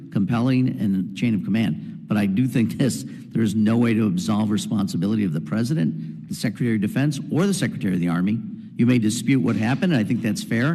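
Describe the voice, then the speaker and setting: A man's voice: lowish voice, warm tone. Insistent congressman in an echoing hearing room. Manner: argumentative, insistent. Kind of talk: hearing debate. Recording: reverberant hearing room audio.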